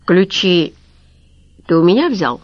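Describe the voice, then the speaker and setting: A woman's voice: fairly low pitch, big pitch swings, takes it slowly, dry recording. A woman voicing a bitter middle-aged businessman who speaks coldly and sarcastically. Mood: cold sarcastic. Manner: cold, cutting and sarcastic. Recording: dull lo-fi recording.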